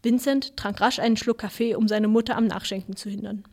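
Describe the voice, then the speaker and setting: A woman reading a short story aloud, with a lively delivery that shifts for the characters. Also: mid-range voice, a little fast. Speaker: reader.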